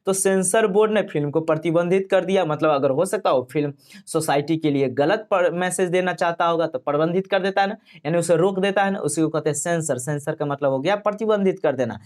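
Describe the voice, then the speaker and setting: A man's voice: on the high side, brisk, a little mellow. A young man teaching an exam-prep vocabulary lesson. He explains with memory tricks and asks and answers his own questions.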